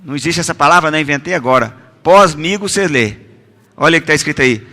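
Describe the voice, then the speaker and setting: A man preaches in a high, bright, forceful voice. He keeps calling for responses and builds up to loud, emphatic repeated declarations. His voice carries a long reverb from a church hall. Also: fast talker. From Goiás, Brazil. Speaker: pastor. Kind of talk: sermon with call-and-response.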